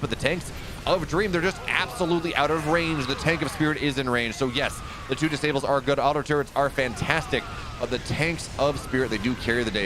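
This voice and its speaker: Casting a strategy game live, a male esports caster with a deep, radio-style voice chats casually with his viewers between plays. His talk is conversational and rambling, full of asides and sentences he keeps restarting.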